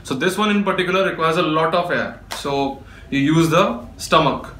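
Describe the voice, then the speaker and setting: Bright-voiced man teaching, echoey room. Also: a little high, normal speed, a little hiss or hum. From India. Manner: patient step-by-step explaining. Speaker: beatboxer teaching. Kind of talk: spoken tutorial.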